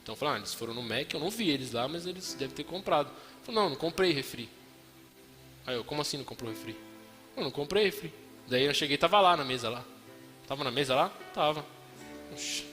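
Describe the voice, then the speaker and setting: A man's voice: on the high side, fast, pauses often. A young man with a São Paulo accent telling a casual, slangy testimony as a church preacher. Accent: São Paulo Portuguese. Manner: slangy, animated storytelling. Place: church hall. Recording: reverberant church hall with music.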